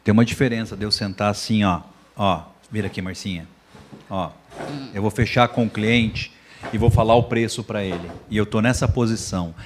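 A man's voice: fairly low pitch, moderate pace, a little hiss or hum. A man hosting a live panel, demonstrating postures and talking straight to viewers. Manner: energetic, demonstrates with gestures, addresses viewers. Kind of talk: casual live panel talk.

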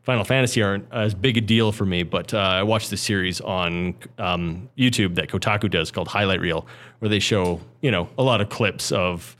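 A man co-hosting a casual video game podcast, chatty and quick to laugh, trailing off with fillers. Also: low-pitched, a bit bright. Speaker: podcast co-host. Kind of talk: casual chat.

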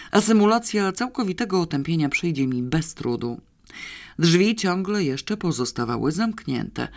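A man's voice: fairly high pitch, gravelly. Man reading a novel aloud. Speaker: audiobook narrator. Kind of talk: scripted first-person narration.

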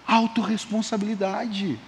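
A man preaching a sermon as pastor, lively, calling the congregation for amens and acting out short conversations. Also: sits high, measured pace. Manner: lively, calls for amens and applause, acts out dialogue. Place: church sanctuary. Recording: long reverb of a church hall.

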